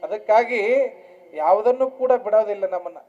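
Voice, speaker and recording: A male spiritual teacher with a North Karnataka Kannada accent, preaching through lively stories and acting out village voices. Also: sits high, normal speed, dull audio, faint music behind. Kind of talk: storytelling sermon.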